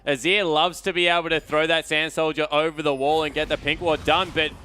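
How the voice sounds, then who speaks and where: A man's voice: on the high side, flat delivery, a little fast, pushed and bright, clean tone. Analytical male esports color commentator. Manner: analytical, explains builds and trades.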